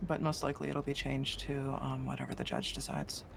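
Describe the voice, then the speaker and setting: A woman in a western roleplay, escorting prisoners and giving calm, reassuring, brisk orders. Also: rumbling low, vocal fry, slight background noise. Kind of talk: in-character western roleplay chat.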